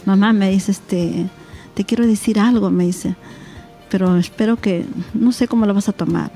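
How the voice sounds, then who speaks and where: With faint music in the background, an interviewed mother on a church talk show shares her testimony in a dark-toned, medium-pitched voice at normal speed with fairly even intonation. This middle-aged woman has a Peruvian Spanish accent and reenacts remembered conversations.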